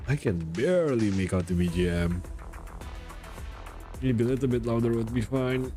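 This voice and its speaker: This streamer has a medium-pitched, warm, expressive voice at normal speed. During his casual live stream chat over a game, he wanders off track, pokes fun at himself and hunts for words as game music runs underneath.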